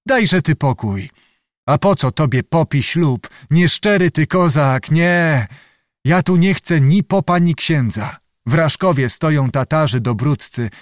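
A man's voice: on the high side, animated, measured pace, no echo, clean studio sound. A man voicing a fierce young Cossack witch, wild and coarse, in a raised chanting voice for an audiobook. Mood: teasing, sly. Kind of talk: audiobook reading.

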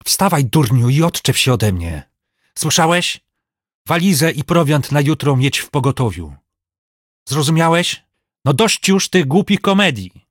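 A tormented young gentleman snaps out his lines with a raised, urgent voice, as a male narrator puts him on. He sits higher than the narrator's low speaking voice. The sound is dry and near. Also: big pitch swings, slow, dry recording. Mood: furious. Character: young gentleman, tormented, then angry and commanding.

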